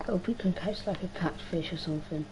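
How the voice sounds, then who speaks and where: Talking a little fast in a lowish voice against a noisy background, a young gaming streamer rambles casually while she plays. She's slangy, swears, talks to herself and has a strained, worn-out voice.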